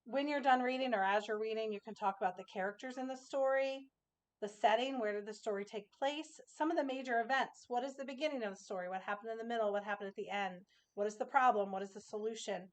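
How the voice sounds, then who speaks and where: A woman's voice: a little high, quick pace. A woman teacher giving an informal instructional presentation to parents, explaining with example questions.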